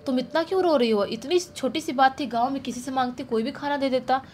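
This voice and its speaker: A woman's voice: sits high, fast, a little mellow, slight background noise, natural voice. A woman voicing a friendly young male village biryani seller who reassures and asks many questions, in her own voice. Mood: kind, eager.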